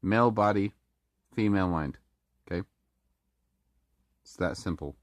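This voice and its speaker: A male vlogger with a deep voice talks casually to the camera, halting often with fillers and restarts. He has been a little sick and keeps clearing his throat. The audio is clean studio sound without echo.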